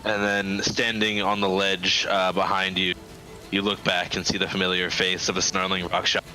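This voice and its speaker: A man's voice: low-pitched, completely flat delivery, moderate pace, bright, forceful tone, soft background music, poor audio. A man narrating a tabletop game as game master, mixing casual talk with scene description.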